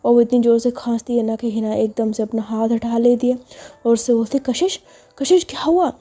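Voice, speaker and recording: Brisk and warm in tone yet flat in delivery, a woman with a fairly high voice recounts a love story casually. She chats along, repeats herself, and uses many fillers.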